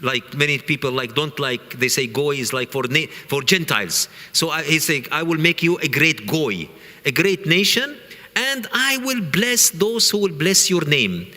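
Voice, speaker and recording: Man, earnest lecturer, bright voice, somewhat high, reverberant hall. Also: lively intonation, moderate pace. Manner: earnest, repeats words, reads Hebrew aloud. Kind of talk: teaching lecture on scripture.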